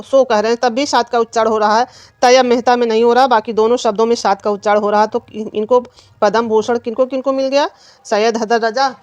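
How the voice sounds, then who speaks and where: A woman's voice: fairly high pitch, darkish tone, no echo, lo-fi sound. A woman teacher giving an exam-prep lesson, asking questions and answering them herself. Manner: repetitive quizzing, asks and answers own questions.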